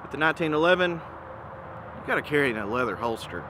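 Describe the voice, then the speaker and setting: A man giving a casual, easygoing product comparison as a presenter, speaking in an informal, measured and opinionated way. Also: fairly high pitch, animated. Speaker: gun reviewer and presenter. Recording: noisy outdoor recording with ambient hum.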